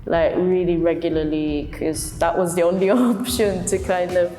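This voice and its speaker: A woman's voice: fairly low pitch, fairly even intonation, normal speed, big-room sound, music in the background. A young woman from Japan, a dancer telling her story in a hesitant, reflective way with many fillers. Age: young adult. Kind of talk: reflective interview talk.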